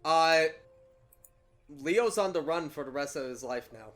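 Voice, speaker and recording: A man commentating casually on a co-op game, excitable and often repeating his phrases. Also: on the high side, unhurried. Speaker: gaming video commentator.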